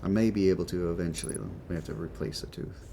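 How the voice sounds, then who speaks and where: A man's voice: low voice, fairly even intonation, fast, creaky, mellow, slight background noise. A man doing casual let's play commentary, thinking aloud, with a whistling s from a chipped tooth. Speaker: gaming host.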